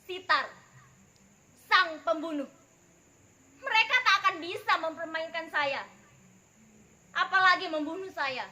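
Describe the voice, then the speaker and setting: A woman acting out a wronged young mother who has turned into a bitter, defiant avenger in a stage monologue. Her voice sits very high and bright, and she declaims each phrase slowly and deliberately, like theatre. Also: exaggerated voice. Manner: slow, declamatory theatrical delivery.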